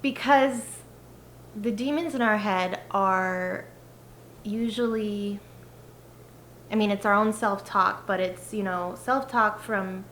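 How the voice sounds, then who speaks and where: Bright-voiced woman, roomy podcast sound. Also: medium pitch, slow pace, long pauses. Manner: rambling, many "like" and "you know" fillers. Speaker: children's book author. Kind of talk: casual podcast interview. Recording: roomy, with faint noise.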